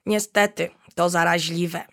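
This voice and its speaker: A woman's voice: lowish voice, fairly even intonation, unhurried, creaky, a bit bright. A woman voicing a playful, boastful male chameleon who chatters cheerfully in a children's storybook. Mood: sly.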